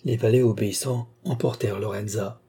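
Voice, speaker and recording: A man reads a classic novel aloud at a steady, measured pace. His tone is mellow and dark, with a husky grain. The delivery is calm storytelling. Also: on the low side. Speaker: audiobook narrator. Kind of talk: scripted narration.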